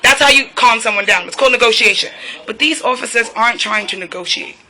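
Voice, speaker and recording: A woman's voice: fairly high pitch, fast talker, pushed and bright. A woman filming from inside an apartment, speaking agitatedly, firing rhetorical questions and turning to address officers directly. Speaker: resident filming a police standoff. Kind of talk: live self-recorded protest commentary. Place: indoors in an apartment.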